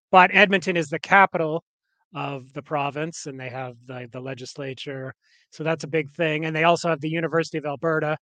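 A man's voice: fairly high pitch, a bit bright, no echo. A Canadian man co-hosting a podcast in casual chat, rambling with lots of fillers and restarts. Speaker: podcast co-host.

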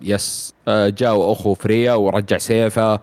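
A man's voice: lowish voice, steady tone, normal speed, a little mellow. A man recapping a video game plot in casual chat, rambling with many fillers and restarts.

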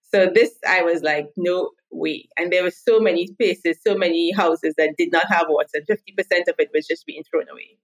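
A woman in her thirties speaks as a podcast guest. She tells stories from her working life in a chatty way, and her voice sits fairly low. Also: normal speed, poor audio. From Trinidad and Tobago. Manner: chatty storytelling. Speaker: guest, marketing consultant. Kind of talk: podcast interview.

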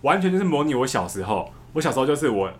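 A man, telling a story in a casual podcast chat, fast, repeating words and laughing often. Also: medium pitch, sing-song, slight background noise. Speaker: podcast co-host.

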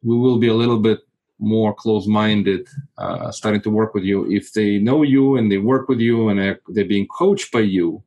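A Moldovan in his forties whose first language is Russian calmly recounts his real estate investing during a casual interview, often repeating words as he gropes for them. He speaks at normal speed in a lowish voice, and the sound is lo-fi.

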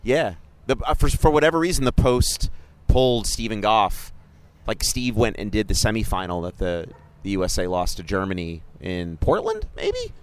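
His lowish voice swoops wildly in pitch as this middle-aged sports journalist co-hosts a casual podcast at a moderate pace with few pauses. He jokes, rambles and restarts sentences often.

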